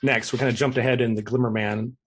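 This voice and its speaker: A man in his forties hosting a casual movie podcast, easygoing and quick to laugh. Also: medium pitch, flat delivery, husky. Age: 40s. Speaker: podcast host. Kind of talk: casual chat.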